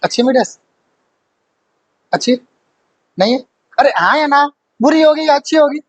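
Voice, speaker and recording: A man's voice: very high-pitched, expressive, normal speed, rough recording. A man teaching an exam-prep grammar lesson, joking with his students, quizzing them and laughing often.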